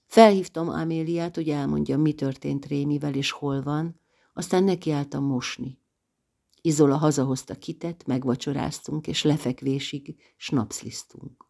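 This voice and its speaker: A woman narrating an audiobook of a novel written as letters, reading dramatically and swinging from loud passages to near-whispers. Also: deep voice, fairly even intonation, creaky.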